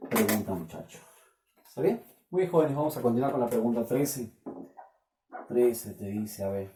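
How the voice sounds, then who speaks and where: A man's voice: medium pitch, mellow. Peruvian man teaching math in an echoey classroom. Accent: Peruvian Spanish. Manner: questioning, keeps checking with students. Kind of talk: classroom lecture. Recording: echoey room, voice from a distance.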